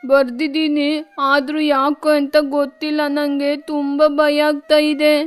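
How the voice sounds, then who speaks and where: Brief: nervous schoolboy crow for a storybook cartoon, voiced by a woman; high, slow, sighing. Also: monotone, soft background music. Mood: anxious. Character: worried young boy crow schoolchild.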